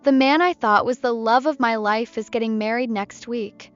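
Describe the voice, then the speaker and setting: Casting: woman reading as a chatty, bitter young woman, higher pitch, muffled with soft music behind. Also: normal speed, clean tone, natural voice. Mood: tipsy bitter. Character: talkative young woman camper, heartbroken, tipsy.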